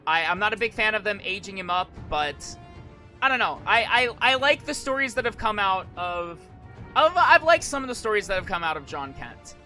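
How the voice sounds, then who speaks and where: A man's voice: high voice, lively intonation, normal speed, pushed and bright, faint music behind. A man streaming casual live commentary, rambling and hesitant, often repeating and restarting his phrases. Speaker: streamer, virtual YouTuber.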